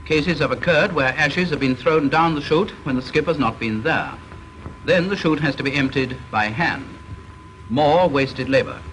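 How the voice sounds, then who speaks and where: This is stern, measured, instructive narration from a British man, scripted formally for a training film. His pitch sits fairly high with a slightly bright tone, and the vintage soundtrack carries faint hiss on a rough recording.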